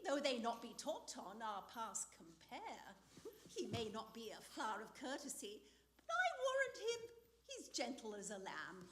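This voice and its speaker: A woman acting a fussy, weary old female nurse on a theatre stage, groaning and complaining in drawn-out verse. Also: on the high side, fairly bright tone, slight background noise, full character voice. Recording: roomy theatre stage sound.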